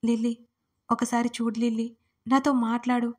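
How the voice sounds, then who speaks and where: A woman's voice: a little high, little pitch movement, normal speed, close to an everyday voice. A woman voicing a protective, stern young man, read plainly in her own voice. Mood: pleading.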